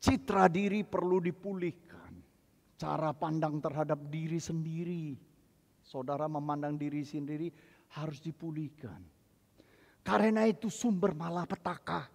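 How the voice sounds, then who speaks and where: A male pastor preaching a sermon, moving between quiet storytelling and loud, emphatic preaching. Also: a little high, normal speed, vocal fry. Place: large church hall. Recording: reverberant church hall.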